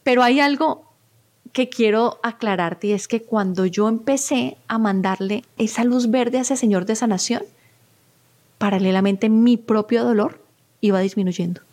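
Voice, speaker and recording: Middle-aged woman, spiritual therapist guest, heartfelt storyteller, fairly high voice. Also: moderate pace, darkish tone. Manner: earnest, heartfelt, moved. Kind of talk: interview conversation, personal storytelling.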